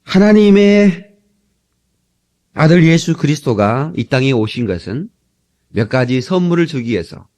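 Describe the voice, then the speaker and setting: Recorded on a worn cassette, this Korean man preaches as a pastor with humor and energy, frequently breaking off to speak to the congregation. He pitches a bit high, keeps a measured pace, and pauses often.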